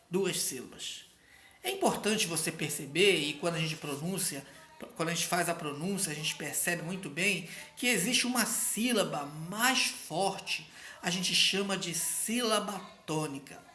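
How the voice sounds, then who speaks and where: A woman's voice: fairly low pitch, sharp tone. A woman teaching a grammar lesson, explaining patiently and drawing out each example word. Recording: echoey room.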